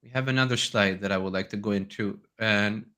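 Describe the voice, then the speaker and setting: Bright-voiced Swedish man presenting. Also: on the low side, steady tone, a little fast. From Sweden. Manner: conversational, tells anecdotes, tags questions with "right?". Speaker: guest speaker on domains. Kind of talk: webinar presentation.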